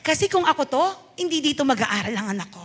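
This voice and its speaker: A middle-aged woman pastor with a Filipino accent preaches a sermon, moving between Tagalog and English as she tells a personal story and voices the people in it. Her voice sits high and sounds bright and forceful. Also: animated, fast talker.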